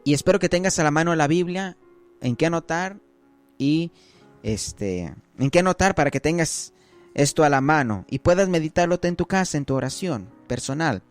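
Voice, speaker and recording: A man's voice: on the high side, animated, moderate pace, faint music behind. A man giving a conversational sermon as a preacher, often checking in with his listeners.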